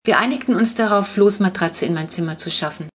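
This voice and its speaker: A woman narrating a children's audiobook with lively, expressive reading. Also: medium pitch, brisk. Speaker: audiobook reader. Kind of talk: scripted children's book narration.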